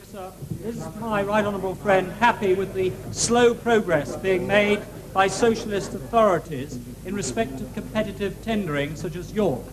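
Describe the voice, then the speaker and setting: A British male MP putting a formal question in parliament. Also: high voice. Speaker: government backbench member of parliament. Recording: noisy parliament chamber.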